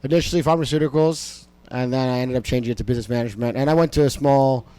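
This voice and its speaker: This podcast guest is a young comedian who grew up speaking Amharic, and his mid-range voice sounds mellow, clear, and resonant even as he talks fast. He's casual and profane in the interview, rambling with many fillers.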